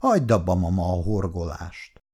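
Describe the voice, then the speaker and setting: A grumbling retired old husband in a 1960s radio play, low muttering voice. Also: male voice, very animated, darkish tone, breathy edge, heavily acted. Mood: firm. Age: older. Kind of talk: 1960s radio drama acting.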